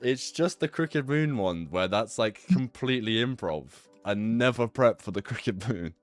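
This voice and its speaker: A man acting as dungeon master, chatting casually with his players before the session, laid-back and quick to laugh. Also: medium pitch, animated, faint music behind. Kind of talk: casual chat before a tabletop game. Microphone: headset.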